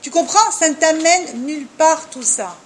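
A high-voiced woman leads an informal religious talk for a group, speaking straight to her listeners. She stays animated and acts out small dialogues as she goes. Faint room noise sits behind her voice. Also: moderate pace. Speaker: leader of a women's discussion group.

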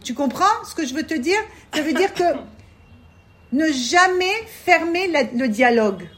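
Woman teacher, high voice, lively class talk with rhetorical questions and "d'accord?" check-ins. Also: measured pace. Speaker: religious teacher. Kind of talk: Torah class for women.

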